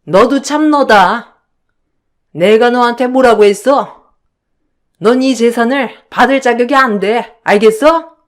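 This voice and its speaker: A bossy older mother-in-law, as a woman narrator puts her on, scolds with a sharp tongue. This is a radio drama. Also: fairly high pitch, slow pace, long pauses. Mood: scolding.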